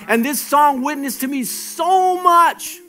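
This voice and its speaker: A man preaching in a very high, bright, forceful voice, exhorting his listeners and repeating phrases for emphasis. Soft music plays faintly behind him. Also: takes it slowly. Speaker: pastor. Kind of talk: sermon.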